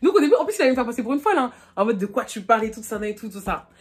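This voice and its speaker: A young woman from France telling a storytime vlog in a slangy, animated way, acting out both sides of the dialogue. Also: a little high, racing. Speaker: YouTuber. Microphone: phone camera.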